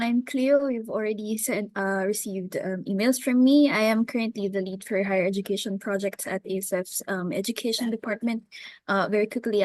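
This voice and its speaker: A woman's voice: mid-range voice, no room sound. Hesitant woman introducing herself, dry sound. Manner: hesitant, with many fillers. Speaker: higher education project lead. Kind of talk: self-introduction on a video call. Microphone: video call.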